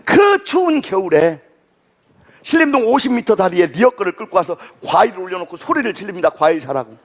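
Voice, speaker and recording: A man delivering a motivational lecture through folksy personal stories. His voice is high and swings widely. He tells it with dramatic, animated flair. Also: fairly quick.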